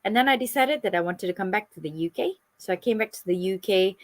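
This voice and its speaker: A woman's voice: mid-range voice, lively intonation, fast talker, dry recording. A woman from Malaysia, a club president, answering interview questions over a video call in a friendly, fluent way.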